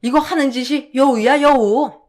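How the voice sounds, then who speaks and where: A woman's voice: high-pitched, moderate pace, a little mellow, pitched above the performer's own voice, close to an everyday voice. A woman voicing a bossy, nagging middle-aged mother-in-law in a radio drama reading, scolding and sighing heavily. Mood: furious.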